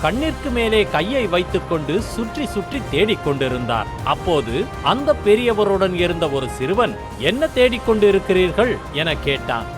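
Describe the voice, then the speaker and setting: A man reading a scripted news voice-over in a formal tone. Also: sits high. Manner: formal reading with music underneath. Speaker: news narrator. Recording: studio voice-over with music bed.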